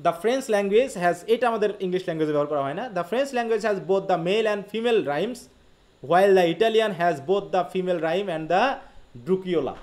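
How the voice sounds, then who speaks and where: A man with a Bangladeshi accent teaching a live online literature class. He explains quickly, reads English passages slowly and keeps asking his students questions. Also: high voice, a little mellow. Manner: quick Bengali explanation, slow read-aloud English quotes, frequent questions to students.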